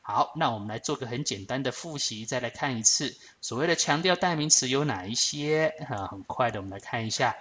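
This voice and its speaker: A man teaching a French grammar lesson, explaining patiently and checking in with his students as he slows down to spell out each form. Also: mid-range voice, lively intonation, pushed and bright. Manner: patient, explanatory, addresses students directly with frequent check-ins.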